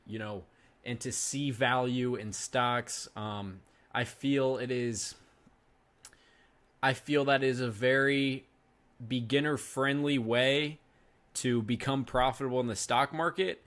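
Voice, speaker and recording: This finance video host is a man in his twenties whose mid-range voice has a fairly bright tone. He reacts casually to content, talking to his audience and frequently addressing them as "guys."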